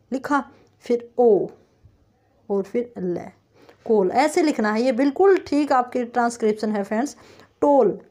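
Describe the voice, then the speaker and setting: A woman with a high, light voice teaches phonetic transcription in an online lesson. She explains each step patiently and checks in with her viewers often. She stretches out example words slowly so they can be heard clearly. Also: a little mellow. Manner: explains step by step, often says "thik hai friends".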